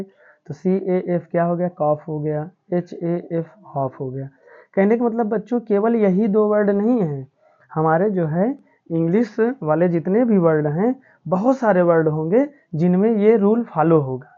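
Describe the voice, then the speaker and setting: A woman with a fairly low voice gives a patient, repetitive spelling lesson, talking to her students as children. The sound is thin and tinny, like a phone line. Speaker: English teacher. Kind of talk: classroom lesson explaining spelling rules.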